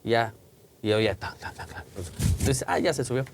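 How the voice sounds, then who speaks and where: Guy telling a creepy story, animated, quiet hiss behind. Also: mid-range voice, a little fast, vocal fry. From Mexico. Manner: colloquial, vivid, acts out quotes and sounds. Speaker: podcast host. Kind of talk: casual storytelling.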